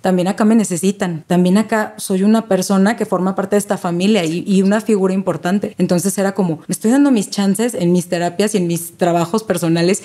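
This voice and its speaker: A woman talks as an interview guest who specializes in motherhood and grief. Her voice is mellow and relaxed at a middling pitch, and she speaks earnestly, circling back to repeat her main points. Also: fairly quick, few pauses. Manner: earnest, repeats key phrases for emphasis. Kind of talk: casual conversational interview.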